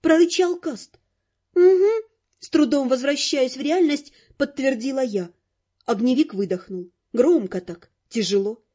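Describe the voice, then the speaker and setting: A woman narrating an audiobook in the first person, lively and expressive, over faint music on a dull lo-fi recording. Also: high voice, moderate pace, husky.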